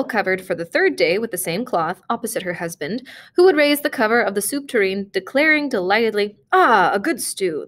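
A woman reading a short story aloud, narrating in a measured, expressive way. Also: medium pitch. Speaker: reader.

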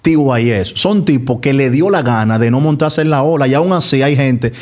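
A man's voice: medium pitch, normal speed, a little mellow. A Dominican-accented man speaking as a sports commentator on a podcast. His talk is casual and emphatic, and he repeats key words to drive home his opinions.

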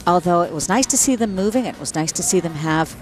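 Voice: mid-range voice, animated, fast, faint music behind. Matter-of-fact figure skating commentator. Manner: analytical and matter-of-fact, naming elements and critiquing choices. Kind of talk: sports commentary.

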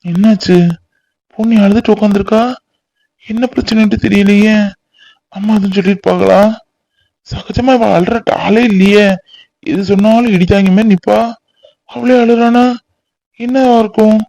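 A caring young husband. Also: male voice, high voice, fairly even intonation, moderate pace, vocal fry, pauses often, dark tone, dry recording, rough recording. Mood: concerned. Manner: soothing, concerned, reassuring. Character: caring young village husband, gently coaxing. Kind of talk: cartoon voice acting.

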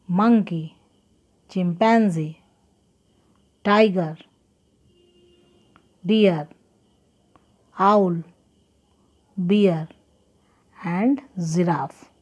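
A young woman teaching children a slow lesson and spelling words out letter by letter. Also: lowish voice, darkish tone, breathy edge, highs cut off.

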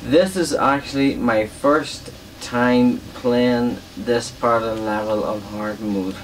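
A man's voice: medium pitch, takes it slowly. A young man giving casual, sweary gameplay commentary while drunk, rambling as he talks. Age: young adult. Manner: heavy swearing. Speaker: gaming video host. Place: small indoor room at a desk. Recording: distant mic, clear background noise.

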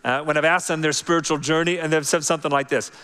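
Guy preaching in a big church, kinda high voice, lively then goes all quiet, long echo. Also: fast talker, smooth. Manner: animated, conversational preaching with sudden soft drops. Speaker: pastor. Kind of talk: sermon. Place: large church auditorium. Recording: long church hall reverb.

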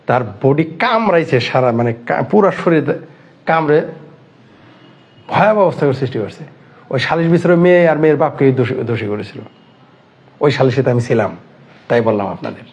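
A man's voice: a little high, expressive, moderate pace, pauses often. A man from Bangladesh giving a heated commentary monologue, indignant, firing rhetorical questions and repeating phrases. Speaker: online commentator.

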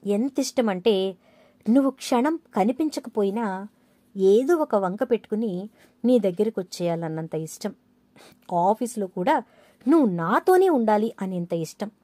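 A woman's voice: mid-range voice, animated, normal speed, pauses often, dark tone, no echo, lightly acted. A woman voicing a playful, romantic young husband who coaxes and teases his wife. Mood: teasing, romantic. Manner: playful, coaxing.

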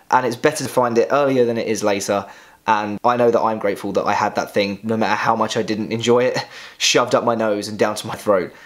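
A young man chats through a vlog with a mid-pitched, slightly strained voice, acting out the people in his story and laughing now and then. Soft music sits faintly underneath. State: voice strained by vocal nodules. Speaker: singer and vlogger.

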